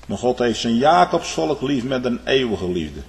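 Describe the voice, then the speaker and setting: A male preacher delivers a sermon in a large church hall, his voice carrying on a long reverb. He surges into loud, high-pitched exclamations and then sinks to hushed, low remarks. He turns to his listeners with a questioning "hm?" and speaks directly to the young people in the pews. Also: big pitch swings, normal speed. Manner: swings between loud high outbursts and low quiet asides; tags lines with a questioning "hm?".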